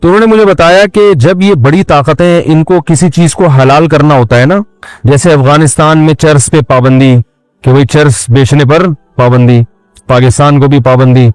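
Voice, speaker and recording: A man's voice: fairly high pitch, clear, resonant tone, no echo, low-quality recording. A man giving a conversational religious talk, often checking that the listener understands. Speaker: Islamic speaker.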